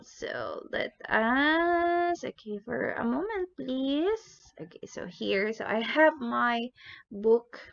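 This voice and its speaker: A young Filipino woman from Davao with a Bisaya accent and native Cebuano, teaching a casual online lesson with halting repeats. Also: a little high, a bit bright, no echo, muffled recording. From Davao, Philippines.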